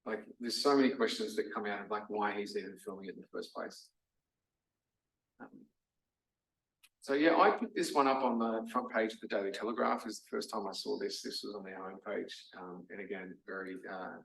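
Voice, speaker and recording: A man's voice: lowish voice, fairly even intonation, fairly quick, gravelly, fairly bright tone. An Australian man giving a casual lecture, chatty and full of fillers like "um" and "like". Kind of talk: casual masterclass talk. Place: lecture room. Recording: roomy hall, mic from a distance.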